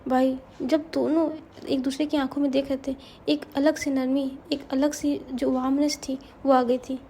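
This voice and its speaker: A woman tells a story casually and chats straight to her listeners. Her voice is high-pitched, with a mellow, dark tone. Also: flat delivery, normal speed, a little hiss or hum. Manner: chatty, addresses listeners directly.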